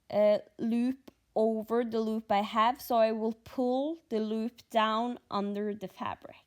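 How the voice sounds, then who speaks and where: A Norwegian woman with a Norwegian accent explaining her stitching in an unhurried, methodical way, sleepy after only a few hours of sleep. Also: a little high. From Norway. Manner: unhurried, methodical, pauses between words while stitching. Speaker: cross-stitch vlogger. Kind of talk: slow stitch-along commentary.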